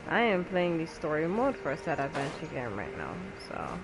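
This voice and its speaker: A gamer with a medium-pitched voice, huge pitch swings, and a moderate pace gives casual gameplay commentary over background noise and game music, talking to themselves in short, scattered remarks.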